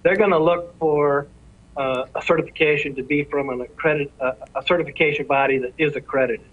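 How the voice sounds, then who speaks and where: A man's voice: fairly high pitch, steady tone, breathy edge. Man on a tinny phone line. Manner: measured, careful, lists points. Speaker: interview guest, industry executive. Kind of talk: formal explanatory answers.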